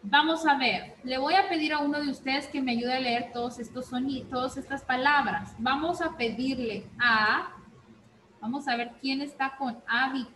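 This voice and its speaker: A woman teacher giving an online reading class, speaking slowly and checking in with frequent questions, mixing Spanish and English. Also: high-pitched, fairly even intonation, a bit bright, reverberant, a little hiss or hum, low-quality recording. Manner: slow, repeats "¿ok?" often, switches between Spanish and English.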